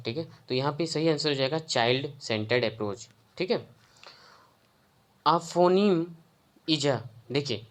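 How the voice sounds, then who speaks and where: A man of middle pitch walks students through an exam-prep lesson. He explains each answer in Hindi laced with English terms and reads the answer options out slowly. He keeps checking in with his listeners as he goes. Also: a bit bright. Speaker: teacher.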